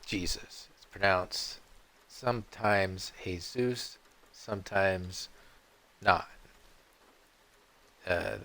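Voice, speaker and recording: Slow, deep-voiced rambling man. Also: fairly even intonation, a bit bright. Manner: meandering, digressive, frequent throat clearing. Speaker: streamer playing a game. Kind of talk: rambling live-stream commentary.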